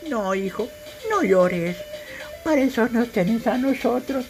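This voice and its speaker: Over music, a woman voices a doting old grandmother with a Salvadoran accent who fusses over her grandson and husband, calling everyone son and dear. She speaks at a fairly high pitch, animated yet unhurried.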